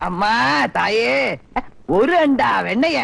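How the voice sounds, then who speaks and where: An actor playing a meek, forgetful village devotee with a gravelly voice. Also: male voice, very high voice, expressive, takes it slowly, fairly bright tone, faint music behind, heavily acted. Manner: meek and deferential.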